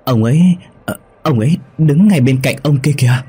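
A man's voice: mid-range voice, normal speed, warm tone, slightly rough, soft background music, voice pushed up. A man voicing a frightened eight-year-old servant boy who stammers and trembles in a ghost story.

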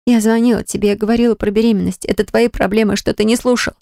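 A woman narrator voicing a furious, defiant young mother with high, hissing, indignant outbursts. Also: level tone, quick pace, gravelly, warm tone, no room sound, studio quality.

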